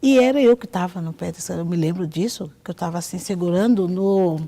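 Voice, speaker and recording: A woman's voice: fairly low pitch, quick pace, dark tone. A woman with a Brazilian Portuguese accent giving a personal testimony in a TV interview, telling her story and acting out the voices of others in it.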